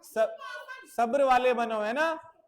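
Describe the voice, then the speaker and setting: Speaking slowly in a slightly high voice over background noise, a female English teacher runs a phrase lesson for children in a blend of Hindi and English. She repeats short phrases patiently, drilling them again and again, and addresses pupils as "beta."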